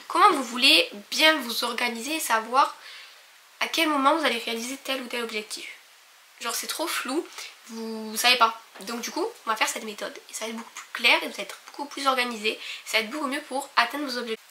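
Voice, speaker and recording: Young woman vlogger, casual and rambling, clear forceful tone, recorded at home. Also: a little high, a little fast, a little hiss or hum. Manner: chatty, many fillers and restarts. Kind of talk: casual vlog chat. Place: her own apartment bedroom.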